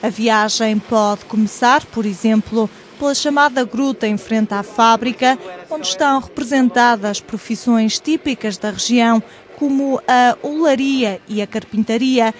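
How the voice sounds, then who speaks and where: A woman with a European Portuguese accent reading a scripted news report in an even, measured way. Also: on the high side, slight background noise.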